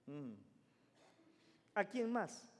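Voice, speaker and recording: A man's voice: sits high, sing-song, very slow, darkish tone. A man preaching a sermon as pastor, emphatic and calling the congregation to repeat phrases after him. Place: church sanctuary. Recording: long church reverb.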